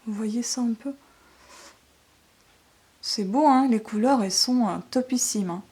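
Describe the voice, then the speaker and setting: A woman vlogger chatting casually through a beauty unboxing, full of fillers and little tag questions, sometimes dropping to a soft half-whisper. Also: a little high, unhurried. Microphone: camera microphone.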